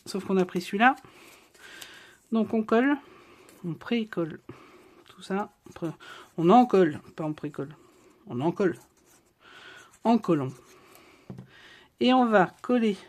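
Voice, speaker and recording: A woman leads a casual, hands-on craft tutorial. She chats freely as she works and keeps checking in with her viewers. Her voice sits at an ordinary middle pitch. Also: expressive, slow pace, pauses often, a little mellow. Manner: chatty, talks straight to viewers with frequent check-ins. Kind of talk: casual step-by-step craft demonstration.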